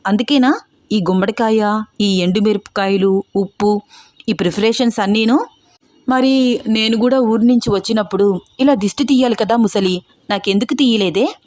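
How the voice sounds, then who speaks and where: Cheeky granddaughter voiced by a woman: playful, teasing, relaxed. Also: medium pitch, moderate pace, dry recording, natural voice. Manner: playful mock complaining.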